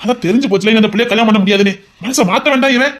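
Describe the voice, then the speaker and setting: An actor playing a stern middle-aged father who scolds his son about marriage in a fast, insistent voice. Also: high voice, fairly bright tone. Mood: scolding. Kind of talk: amateur audio drama.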